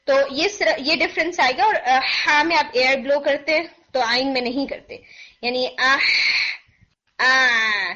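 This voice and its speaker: Over a dull, lo-fi recording, a woman whose voice is high and a bit bright walks learners through recitation pronunciation online. She's patient, drawing out each sound as a demonstration, and often clears her sore throat.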